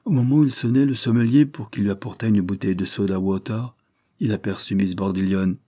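Low, mellow male audiobook narrator. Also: fairly even intonation, a little fast. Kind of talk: reading a Victorian novel.

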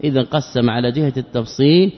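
A man gives a religious lesson, explaining a classical text at a deliberate pace and restating his points with rhetorical questions. His voice carries a long reverb, like a big hall, and the recording sounds dull and lo-fi. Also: mid-range voice. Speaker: Islamic scholar teaching a text.

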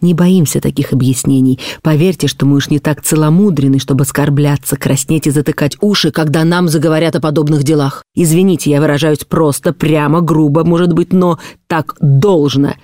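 A woman reading an audiobook, voicing a stern, cold middle-aged nobleman in a measured, cutting manner. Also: sits low, fairly even intonation, mellow, no room sound, studio quality, lightly acted. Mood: contemptuous. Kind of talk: audiobook reading of a classic novel.

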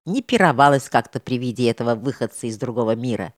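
A woman reading an audiobook of a historical novel in a measured, expressive storytelling manner. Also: rumbling low, no room sound, clean studio sound. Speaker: reader.

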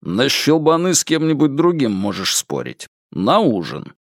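A practical male detective, as the narrator voices him in an audiobook, blunt and matter-of-fact. He asks plain questions in a slow, unhurried voice. The recording is dry and close. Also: mid-range voice, wildly swooping pitch, no echo, exaggerated voice. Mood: businesslike. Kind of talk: audiobook character voice.

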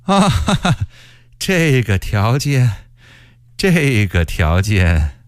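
A man voicing a haughty, scheming male court eunuch with a shrill laugh and a drawling, arrogant manner. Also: sing-song, extremely slow, no room sound, studio quality. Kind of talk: storytelling character voice.

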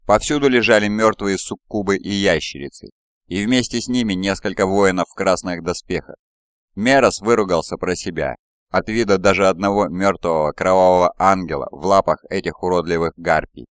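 A man narrates an audiobook in a measured, dramatic way, his voice very low and resonant. He is recorded close and dry, with no room sound. The reading is steady and carefully paced. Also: smooth, dry recording.

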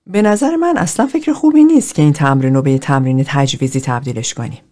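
Calm therapist cautioning his group, read by a woman, lively pitch. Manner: calm, advising.

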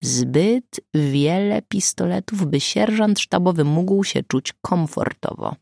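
A woman narrating an audiobook in steady scripted storytelling. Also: on the low side, slow pace, creaky, no echo, studio quality.

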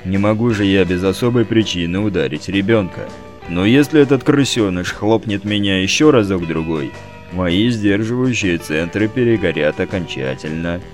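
A man voicing a burly bodyguard who talks calmly and unhurried, in a deadpan way. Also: low voice, faint music behind. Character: calm, burly male bodyguard.

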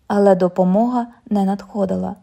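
A woman's voice: medium pitch, fairly even intonation, brisk, gravelly, warm tone. A woman reading a novel aloud as an audiobook narrator, voicing the characters' lines with only slight changes to her voice.

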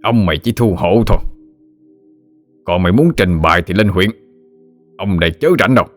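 A man voicing a brutal middle-aged village chief who speaks hoarsely and barks threats in a told story. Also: sits low, lively intonation, moderate pace, a bit bright, soft background music. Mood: bullying. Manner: bullying, barking threats.

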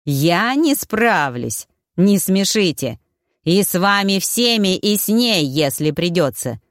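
A woman's voice: deep voice, animated, slow pace, no room sound, clean studio sound, pitched below the performer's own voice. A woman voicing a cocky, self-assured immortal young man in an audiobook, giving firm orders. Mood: defiant. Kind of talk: audiobook character voice.

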